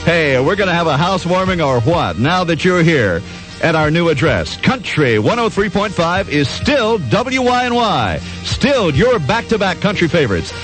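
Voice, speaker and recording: A man's voice: fairly high pitch, very animated, moderate pace, a bit bright. An American man presenting live country radio as a DJ in a folksy, chatty manner. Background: faint music.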